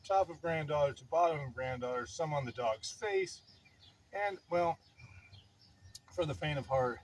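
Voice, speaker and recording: A man's voice: fairly high pitch, moderate pace. An older man, a little breathless, tells a personal story in a casual, rambling fireside-chat way with wry, self-deprecating, mock-dramatic delivery. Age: older, grandfather. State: somewhat breathless. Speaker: vlogger telling a personal story. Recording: outdoor noise with chirping birds.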